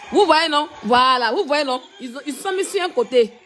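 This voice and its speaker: Casting note: high-pitched woman, live-stream commentator, teasing and repetitive. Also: fairly bright tone. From Ivory Coast. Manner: mocking, repetitive, laughing. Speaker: social media commentator.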